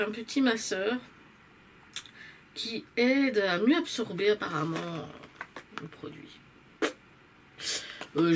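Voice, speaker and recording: A woman's voice: fairly low pitch, a little hiss or hum. A woman chatting casually to the viewer in a haul vlog, rambling with many fillers and self-corrections. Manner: talks straight to the viewer. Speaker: vlogger reviewing purchases.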